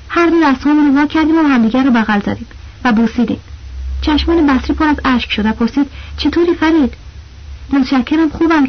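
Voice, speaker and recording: A woman narrating a novel in the first person, in a steady storytelling manner. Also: high voice. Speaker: audiobook narrator. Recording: dull lo-fi audio.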